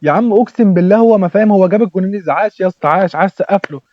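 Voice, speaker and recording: Fast excitable Egyptian man gaming. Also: high-pitched, dull audio. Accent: Egyptian Arabic. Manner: excitable, shouting at the game. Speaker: gaming YouTuber. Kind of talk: live gameplay commentary. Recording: clear background noise.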